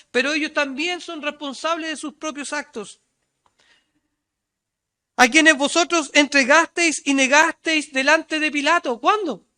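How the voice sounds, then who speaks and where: A Chilean-accented male preacher gives a sermon, reading passages of scripture aloud and answering the rhetorical questions he asks. His delivery shifts sharply: loud and high when quoting the crowd, low and quiet when making asides.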